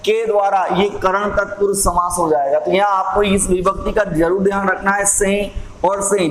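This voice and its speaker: Slow, level-voiced male grammar teacher. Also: high voice. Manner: slow, repetitive, drawn-out explaining, clears throat often. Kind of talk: slow classroom explanation. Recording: echoey room, faint ambient noise.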